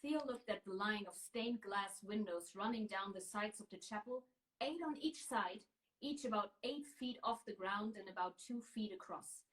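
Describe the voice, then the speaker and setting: A woman reading a novel aloud in steady, even narration. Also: mid-range voice, normal speed, poor audio. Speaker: reader.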